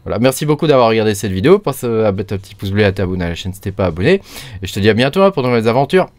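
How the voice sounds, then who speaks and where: A man's voice: fairly low pitch, very animated, very fast, a little mellow, dry recording. A man hosting a casual screen-recorded tutorial, rambling and chatty with many fillers, recorded close on a desktop mic. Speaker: crypto tutorial host.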